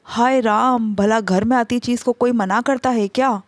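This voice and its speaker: A woman's voice: fairly high pitch, fairly even intonation, measured pace, no echo, natural voice. A woman voicing a greedy, complaining middle-aged mother-in-law who scolds and pities herself. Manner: scolding, self-pitying complaints.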